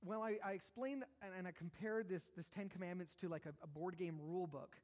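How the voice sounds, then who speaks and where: A man's voice: high-pitched, fairly quick, darkish tone. A man preaching a sermon, conversational and self-deprecating, with jokes and asides. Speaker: pastor. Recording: long hall reverb.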